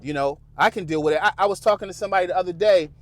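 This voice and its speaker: A man's voice: high voice, very fast, dry recording. A middle-aged man, hosting a podcast and giving a casual, preachy motivational talk to men that's full of "man" and "bro.". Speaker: podcast host.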